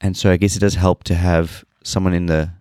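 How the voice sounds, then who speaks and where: Speaking briskly but flatly and with low energy, a solo podcast host with a very deep voice sounds nasal and blocked up from a cold. He rambles and restarts his sentences, though his tone is clean. The recording is dry and close, with no room sound.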